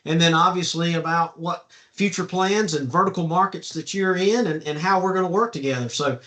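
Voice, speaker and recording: A man's voice: fairly high pitch, brisk, pushed and bright. A man hosting a casual business interview, friendly and upbeat, often repeating words as he talks. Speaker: interview host.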